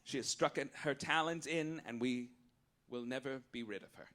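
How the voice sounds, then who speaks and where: With a medium-pitched, slightly bright voice at normal speed, this man hosts a live cabaret show and reads out mock-official rulings as satirical stand-up. His delivery is campy, arch and theatrical, pitched at the crowd in front of him on stage.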